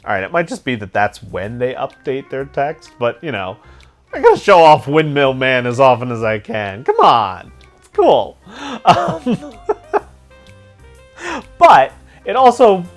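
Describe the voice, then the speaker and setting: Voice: medium pitch, very animated, unhurried, pauses often. A host giving chatty, giggly let's-play commentary for a game guide, full of fillers. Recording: faint game music behind.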